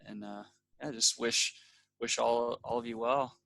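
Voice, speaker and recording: A man from Iowa speaking as a guest over a video call, his audio choppy and buffering with stutters and dropouts, so his words come out halting and repeated. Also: medium pitch, fairly even intonation, gravelly, sharp tone, no echo. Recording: distant, glitchy video-call line.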